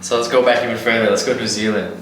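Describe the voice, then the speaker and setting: A male podcast host with a fairly low voice leads a casual chat at an easy pace, asking questions and answering with short acknowledgments. The room around him is very echoey, and faint ambience sits in the background. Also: slight background noise. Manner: relaxed, slow-paced interviewer with brief back-channel replies.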